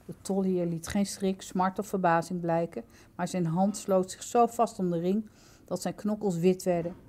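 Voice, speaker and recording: Woman storybook reader, mellow tone, calm and steady. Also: on the low side, normal speed. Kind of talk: children's book read-aloud.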